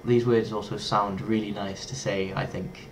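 A young adult man from England talks playfully to his webcam in a small bedroom, lively in casual vlog style and toying with foreign words. His voice is on the low side at normal speed, and the poor audio has a little hiss or hum.

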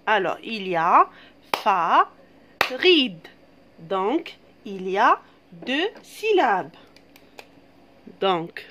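A woman teacher giving a slow, patient phonics lesson, drawing out each syllable. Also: a little high, fairly bright tone.

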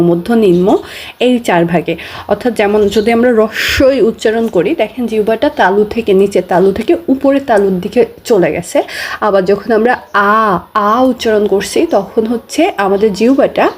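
A woman's voice: on the high side, dark tone, slightly rough. A woman with a Bangladeshi Bengali accent teaching a grammar lesson, patiently repeating key terms with frequent hesitations.

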